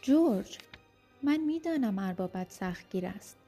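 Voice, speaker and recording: A woman's voice: mid-range voice, expressive, dark tone, soft background music. A woman voicing a frightened young wife who anxiously pleads with her husband. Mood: pleading.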